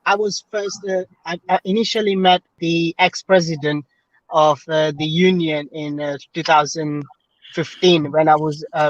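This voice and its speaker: Hesitant Scottish man, flat delivery. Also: a little high, dry recording. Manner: hesitant, with many restarts and fillers. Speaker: student union vice president. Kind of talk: casual online panel chat. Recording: muffled, dry sound.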